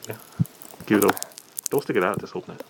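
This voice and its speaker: A man's voice: on the low side, fast, vocal fry, background noise. A man hosting a casual video, his voice muffled by a face mask, explaining and guiding step by step. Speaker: vlog host. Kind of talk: casual chat.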